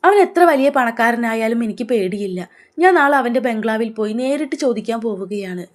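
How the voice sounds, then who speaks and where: A resolute young man in a storybook tale, calm on the surface with anger held down, as a woman narrator plays him. His speech is firm and steady, fairly high. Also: fairly quick, lightly acted. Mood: determined.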